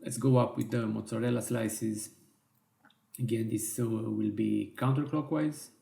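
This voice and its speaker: A man teaching a software design tutorial in slow, step-by-step instructions with small self-corrections, his voice worn and going hoarse. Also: on the low side, steady tone, reverberant. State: losing his voice. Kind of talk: screen-recorded software tutorial.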